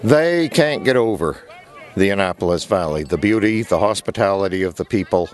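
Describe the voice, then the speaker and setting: Low-pitched man in an interview. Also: expressive, normal speed. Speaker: event organiser. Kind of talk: interview answers.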